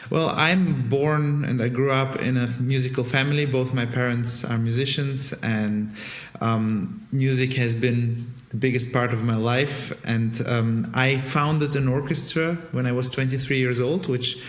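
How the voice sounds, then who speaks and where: Man, interview guest, reflective and unhurried with fillers, roomy reverberant sound. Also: mid-range voice, fairly even intonation. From Bulgaria. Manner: thoughtful, frequent ums, some restarts. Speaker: guest, conductor and startup co-founder. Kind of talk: conversational interview. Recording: roomy echo.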